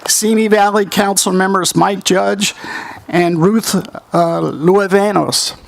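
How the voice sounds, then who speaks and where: A man giving formal ceremony remarks as master of ceremonies, speaking in measured, courteous tones at a lectern microphone. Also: high voice, steady tone, creaky.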